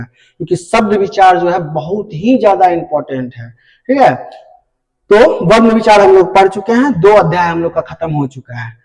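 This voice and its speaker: High-voiced man teaching grammar. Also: a little mellow, poor audio. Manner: explains step by step, often checks with "ठीक है" and asks then answers his own questions. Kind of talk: classroom lesson.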